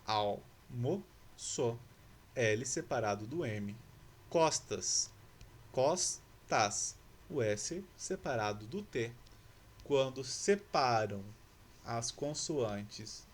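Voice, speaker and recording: A man's voice: mid-range voice, slight background noise. A male Brazilian Portuguese grammar teacher giving a lesson to schoolchildren, patiently spelling out letters and syllables.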